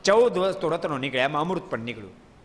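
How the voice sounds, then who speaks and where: Casting: male preacher, fairly high voice, lively storytelling, hall reverb. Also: fast. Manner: lively, questions the audience, playful asides. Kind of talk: devotional storytelling sermon.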